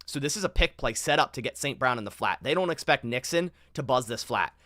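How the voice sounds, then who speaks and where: A man commenting over football game film in an animated, exasperated way, thinking aloud as he goes. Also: medium pitch, fairly quick, no echo, clean studio sound.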